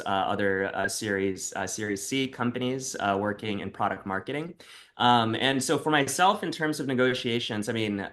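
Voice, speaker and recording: Lowish man, halting with fillers. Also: fairly bright tone. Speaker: co-founder, guest. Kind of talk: interview.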